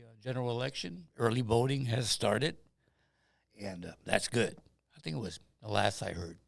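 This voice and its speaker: A man's voice: mid-range voice, gravelly, no echo. An older man from Guam, a political candidate, talking in a jovial, chatty way and telling little stories in a casual interview. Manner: jovial, chatty, tells anecdotes with quoted dialogue.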